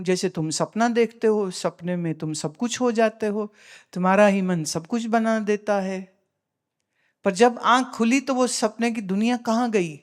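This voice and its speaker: Woman teacher giving a spiritual talk, slow and deliberate, keeps asking the audience questions. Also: mid-range voice. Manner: explains with homely examples, asks listeners questions; mixes in English phrases. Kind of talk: spiritual discourse.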